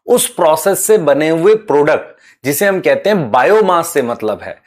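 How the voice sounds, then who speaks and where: A man teaching a biology class in a slightly high voice. He explains each idea step by step and often asks his students whether it is clear. He slips English terms into his Hindi. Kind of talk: classroom lecture.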